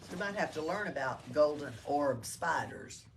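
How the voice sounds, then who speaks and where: A woman with a voice that sits low reads a storybook aloud to kids as the library's storyteller, sounding animated and keeping a moderate pace. She is recorded indoors in the library by a distant room mic, with faint background noise.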